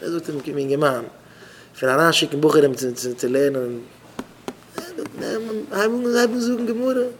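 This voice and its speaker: A man's voice: mid-range voice, slight background noise. A man, a rabbi, giving an informal talk at a Shabbat gathering, repeating phrases and questioning listeners by name. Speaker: rabbi addressing students.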